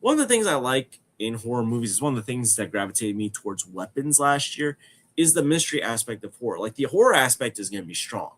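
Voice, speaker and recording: A man's voice: mid-range voice, big pitch swings, quick pace, a bit bright. A man in his twenties with a cold and a stuffy, congested nose, giving a casual movie review and repeating phrases for emphasis. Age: 20s. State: has a cold. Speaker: film review podcast host.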